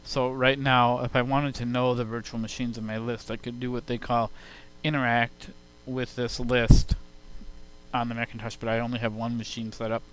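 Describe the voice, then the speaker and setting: This man's medium-pitched voice is level, a bit bright and clean in tone, at a normal speed, though the recording itself is rough. He's demonstrating software informally, step by step. The input is a hissy home computer sound card.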